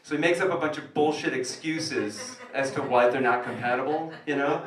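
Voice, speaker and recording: A man doing crude, self-mocking stand-up comedy in a small cafe, with a rough, wrecked voice. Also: mid-range voice, moderate pace. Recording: echoey room, distant mic, live music.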